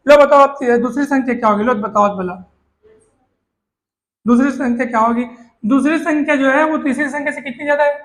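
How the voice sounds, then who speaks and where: A man's voice: extremely high pitch, a bit bright. A male maths teacher, explaining a lesson in a coaxing way, repeating points and asking his students questions. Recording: echoey room.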